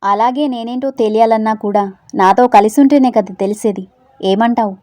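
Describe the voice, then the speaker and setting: A cocky young rowdy with a teasing, self-assured swagger, as a woman storyteller puts him on. The voice is warm and mellow and sits a little high. It is recorded close and dry, with no room sound. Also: fairly even intonation, a little fast, no echo, lightly acted. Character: cocky young man, bold brash romantic rowdy.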